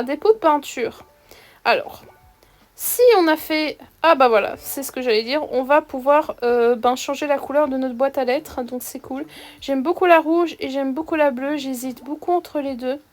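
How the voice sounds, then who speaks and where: A young woman chatting casually over her gameplay, upbeat and full of fillers and restarts. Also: high-pitched. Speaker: gaming YouTuber.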